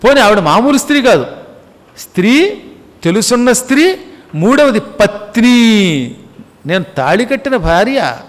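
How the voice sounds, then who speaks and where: A man's voice: high voice, in a large hall. A man giving a religious discourse, explaining points with repetition, rhetorical questions and acted-out quotes. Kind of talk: Telugu Ramayana discourse.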